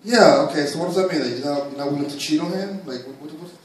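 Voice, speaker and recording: A man's voice: fairly high pitch, fast talker, a little hiss or hum. A man from New York doing a live stand-up set, rambling with lots of fillers and crude talk. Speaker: stand-up comedian. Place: comedy theatre stage. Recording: echoey room, from a distance.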